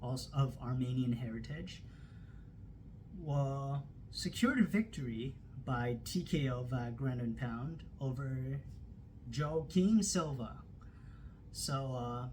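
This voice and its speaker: On a phone camera, a man records his solo combat sports podcast, recapping fight results casually and without a script, with plenty of fillers and self-corrections. His mid-range voice is expressive and unhurried, and his first language is not Turkish. The recording is rough with slight background noise.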